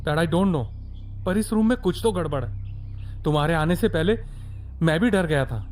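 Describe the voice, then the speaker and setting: Horror audio drama: man as an anxious lovesick young man, highish, broken Hindi with English. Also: expressive, a little slow, darkish tone, slight background noise. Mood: worried.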